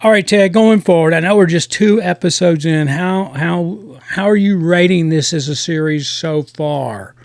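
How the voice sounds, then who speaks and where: A man hosting a casual review podcast, talking in halting starts with many restarts. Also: a little high, gravelly, no room sound, clean studio sound.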